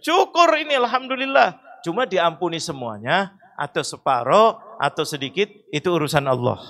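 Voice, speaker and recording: A man preaching a sermon in a mosque. He asks his own rhetorical questions, chants Arabic verses and prayers, and rises to loud emphatic cries. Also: fairly high pitch, very animated, moderate pace. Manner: rhetorical questions answered himself.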